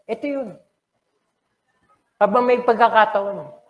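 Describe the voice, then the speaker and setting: An older pastor with a Filipino accent preaches an emotional, dramatic sermon in a church sanctuary, mixing English and Tagalog. His voice sits high and he takes it slowly, with dull audio in an echoey church hall.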